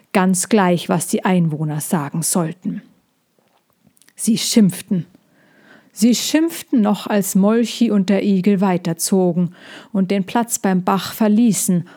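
A woman narrating a children's story in a measured reading voice. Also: lowish voice, warm tone.

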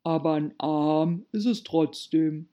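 A woman voicing a plain, slow-witted male servant who answers deferentially in a storybook reading. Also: low-pitched, dark tone. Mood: placid. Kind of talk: audiobook character voice.

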